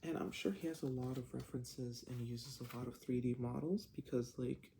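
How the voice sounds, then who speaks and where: Hushed, creaky-voiced man vlogging late at night. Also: medium pitch, steady tone, normal speed, a little hiss or hum. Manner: hushed, half-whispering, keeping quiet late at night. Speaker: comic book vlogger. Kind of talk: casual vlog commentary.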